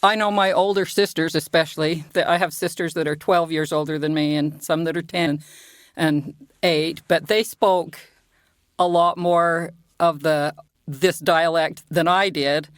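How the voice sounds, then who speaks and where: A woman's voice: low voice, unhurried, dry recording. An older woman from southern Utah, a guest in an interview, chatting and laughing often as she remembers. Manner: chatty, laughs often, lively when retelling. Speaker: guest, co-author. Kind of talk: conversational interview.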